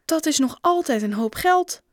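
A woman's voice: on the high side, lively intonation, normal speed, no room sound, close to an everyday voice. Lady doing a frank kind schoolboy, says it straight, dry close mic. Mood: frank friend.

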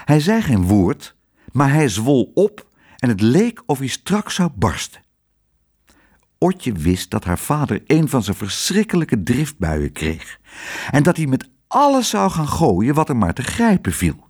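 Slow, expressive male storybook reader. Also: mid-range voice, slightly rough. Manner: expressive, unhurried. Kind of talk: storybook reading.

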